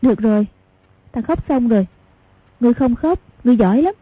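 A woman voicing a clever, tender young heroine in an audiobook, speaking softly and gently with a husky tone, on a tinny lo-fi recording. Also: on the high side, fast talker, dry recording.

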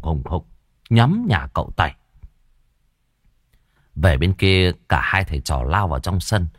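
Man, lowish voice, lively intonation, dry close sound. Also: no room sound. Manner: lively, vivid narration. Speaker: storyteller. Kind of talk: dramatic comic storytelling.

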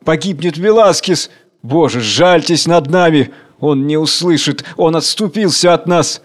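A man's voice: fairly high pitch, natural voice. A man doing a wailing, despairing crowd. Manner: drawn-out, wailing, pleading.

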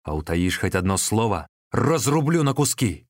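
A man voicing a stern, furious husband who shouts threats. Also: low-pitched, lively intonation, normal speed, no echo, studio quality. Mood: furious shouting.

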